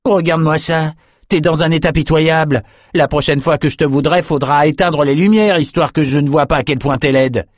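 A man's voice: a little high, normal speed, dry recording, studio quality, pitched above the performer's own voice, close to an everyday voice. A man voicing a cold, contemptuous young man in an audiobook. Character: callous young man, fawning toward brutes.

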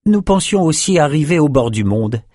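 A man's voice: a little high, big pitch swings, normal speed, mellow, no echo, studio quality, voice pushed up. A man narrating a story voices an unshakably optimistic woman traveler, encouraging and upbeat.

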